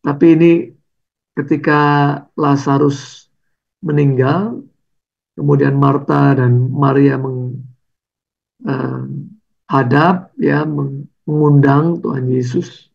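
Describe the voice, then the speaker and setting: A man's voice: mid-range voice, level tone, slow, creaky, long pauses, husky, muffled recording. A man preaching a conversational sermon over slides, tagging his phrases with "ya" and "gitu".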